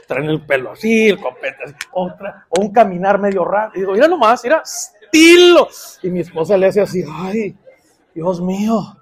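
Male pastor, strikingly high voice, sermon with playful asides. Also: animated, quick pace, few pauses. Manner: playful, swings between loud emphasis and quiet asides.

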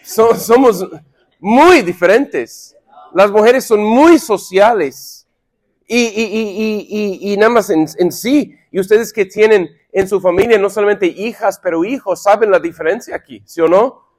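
A middle-aged man leading a sermon-style Bible lesson for married men, halting with fillers and repeated words, and playfully acting out little quips. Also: high-pitched, a little mellow. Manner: playful, acts out quips for laughs. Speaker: pastor leading a men's Bible study.

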